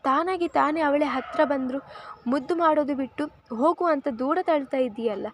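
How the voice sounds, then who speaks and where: A woman voicing a playful young wife who teases and coaxes her husband in a drawn-out, coy way. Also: high-pitched, a little hiss or hum, lightly acted. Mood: teasing. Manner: coaxing, drawn-out teasing.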